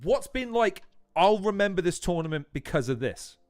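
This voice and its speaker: A man hosting a casual livestream with a noticeably high voice. He is excitable and jokey, teasing his guests as he moves the conversation along, and the sound is close and dry. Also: normal speed, no room sound. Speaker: host.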